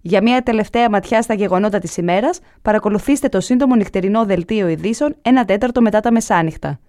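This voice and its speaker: A woman television announcer reading a scripted programme announcement in a formal, measured way. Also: mid-range voice, darkish tone.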